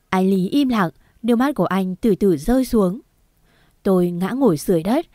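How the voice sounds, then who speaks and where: A woman tells a first-person story in a steady, earnest reading at a middle pitch. The sound is dry and close, with no room in it. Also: no room sound. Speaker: narrator. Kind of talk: scripted story narration.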